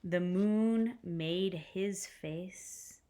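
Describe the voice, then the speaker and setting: With a fairly low-pitched voice, a female teacher brings a picture book to life for children, using deliberate pauses and softening the ends of her phrases to a hush.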